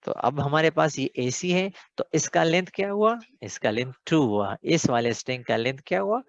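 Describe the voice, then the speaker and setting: A man's voice: fairly high pitch, animated, normal speed, vocal fry, no room sound, muffled recording. A man teaching a recorded lesson, patiently repeating points and checking in with students. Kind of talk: recorded lecture explaining worked examples.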